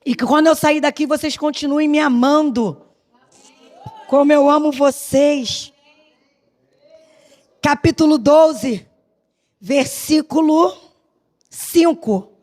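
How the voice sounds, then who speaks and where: Lady preacher, high voice, chatty then loud, laughs a lot. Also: slow pace, pauses often. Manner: lively and conversational, switching between soft asides and loud exhortation; laughs often between phrases. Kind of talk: sermon. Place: church.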